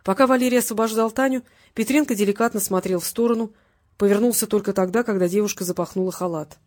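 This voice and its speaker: A woman narrates a crime audiobook in a steady, even storytelling voice. Her tone is husky and slightly breathy, at an ordinary middle pitch for a woman. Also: fast talker. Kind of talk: scripted narration.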